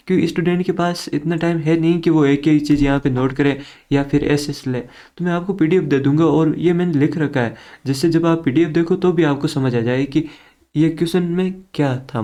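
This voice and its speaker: Chatty man teaching, mellow voice. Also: on the high side. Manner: chatty, direct, mixing English into Hindi. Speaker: online exam-prep teacher. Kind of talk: casual Hinglish lesson.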